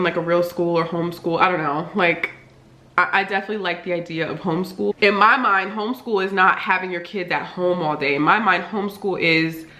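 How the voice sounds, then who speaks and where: A woman's voice: on the low side, bright, forceful tone. A young woman, answering viewer questions in a casual vlog chat, full of fillers and at times talking with her mouth full. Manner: chatty, many fillers, talks while eating. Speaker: vlogger. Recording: echoey room.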